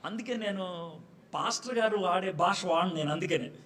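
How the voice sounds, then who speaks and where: A pastor preaching to his congregation in a loose, conversational way. He jokes and acts out little scenes as he goes. His voice sits rather high for a man. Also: normal speed, fairly bright tone. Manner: conversational and joking, acts out dialogue. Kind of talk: sermon. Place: church hall.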